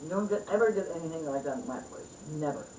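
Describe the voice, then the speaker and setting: A woman's voice: low voice, animated, fast, warm tone, slight background noise. A woman chatting at a dinner table, effusive as she praises a meal. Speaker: dinner guest. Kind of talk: casual dinner-table chat. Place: room in a house at dinner. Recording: echoey room, home recording.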